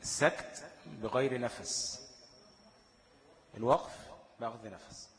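A man with an Egyptian accent leads a tajweed lesson at an even middle pitch. He quizzes his students and answers his own questions, then slows down to chant each quoted verse. His voice rings with a long reverb, as if in a large hall. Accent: Egyptian Arabic. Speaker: Quran recitation teacher. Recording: echoey room with long reverb.

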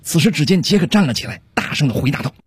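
A man's voice: on the high side, lively intonation, quick pace, a little hiss or hum. A man narrating short comedy stories on a radio show in a storytelling manner.

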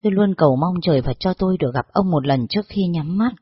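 An elderly grandmother, voiced by a storyteller, speaks in a quavering, slightly husky voice. The sound is dry and close, and the recording is dull and lo-fi. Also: mid-range voice, expressive, fast, no room sound. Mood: tearful. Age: over 60. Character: elderly grandmother, long-waiting, tearful.

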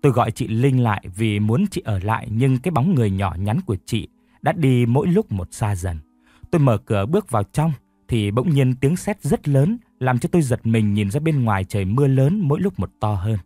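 A man narrating a sad story in the first person in a sorrowful, steady way. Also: medium pitch, a little fast, no echo, faint music behind. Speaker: audiobook narrator.

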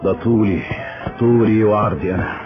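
A man's voice: on the low side, fairly even intonation, fairly quick, close to an everyday voice. An actor playing a troubled, stubborn male writer in a radio drama, with an Egyptian accent and a brooding, intense manner. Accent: Egyptian Arabic. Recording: dull lo-fi radio recording with music.

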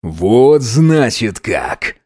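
A man's voice: lowish voice, a little mellow. A man doing a growling menacing werewolf rival. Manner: slow, growling, threatening. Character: menacing jealous man, wolf shapeshifter.

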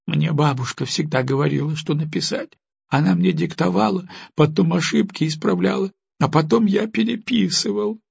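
A timid little boy on the edge of tears, speaking meekly and barely audibly, as a man reading a storybook voices him. The pitch sits far above the reader's own, with a husky, gravelly texture. The recording is dull and lo-fi. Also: normal speed, heavily acted. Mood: timid, tearful. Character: timid tearful young boy.

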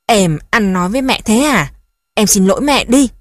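A woman's voice: medium pitch, moderate pace, a little mellow, dry recording, studio quality, close to an everyday voice. A woman voicing a young husband who lectures and snaps at his wife. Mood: angry. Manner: stern, lecturing. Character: young husband, irritable and stern.

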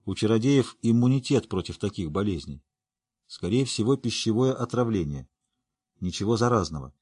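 A man's voice: on the low side, lively intonation, normal speed, a little mellow, breathy edge, no room sound, studio quality. Man playing a curt, grim monster hunter. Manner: curt, clipped orders. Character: terse grim male monster hunter, middle-aged.

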